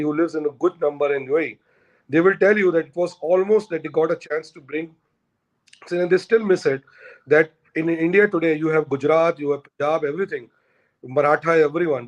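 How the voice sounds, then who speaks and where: A male guest who speaks Urdu argues his points emphatically in a conversational discussion, repeating himself to drive them home. His voice is a little high, and the recording has its highs cut off.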